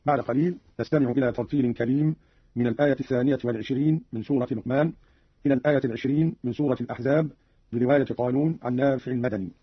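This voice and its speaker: A man's voice: medium pitch, racing, husky, no room sound, highs cut off. A man giving a formal, precise scripted explanation of scripture readings, from an archival radio recording. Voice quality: precise, even, formal delivery.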